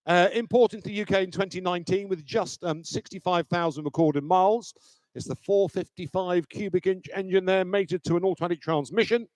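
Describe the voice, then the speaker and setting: Male auctioneer, notably high voice, dry close sound, firm repetitive sales patter for a live auction. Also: fairly quick, a little mellow, no room sound. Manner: repetitive chanting of bids, firm and commanding. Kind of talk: live auction bid-calling with repeated numbers. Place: live auction sale room.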